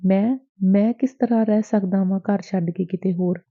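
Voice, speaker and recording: A woman's voice: medium pitch, steady tone, moderate pace, close to an everyday voice. Woman reading an earnest lovesick young man. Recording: dry, tinny phone-like sound.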